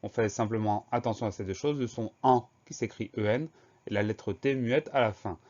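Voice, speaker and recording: Male teacher, spelling lesson, deliberate letter-by-letter delivery, slightly muffled recording. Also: on the low side, a little mellow. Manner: slow, clear spelling out letter by letter.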